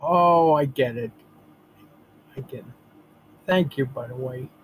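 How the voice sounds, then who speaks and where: A man's voice: medium pitch, takes it slowly, slight background noise, low-quality recording. A man with a lisp and whistling s sounds, chatting casually in a group conversation.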